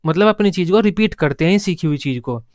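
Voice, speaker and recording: A man's voice: high voice, lively intonation, fast talker, no echo, studio quality. A man teaching an exam-prep lesson, repeating key terms and asking and answering his own questions. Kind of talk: classroom lecture.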